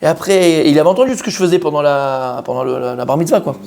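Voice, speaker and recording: Fast-talking rabbi telling a story. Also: male voice, on the high side, creaky. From Israel. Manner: animated storyteller who acts out quoted voices. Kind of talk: storytelling sermon.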